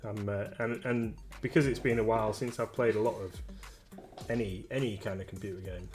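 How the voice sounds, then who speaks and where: A man hosts a casual home live stream, talking in a halting, self-deprecating way full of ums and restarts. Soft music plays faintly behind him. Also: on the low side, fairly even intonation. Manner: hesitant, self-deprecating, many fillers. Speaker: live-stream host painting miniatures. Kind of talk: casual chat.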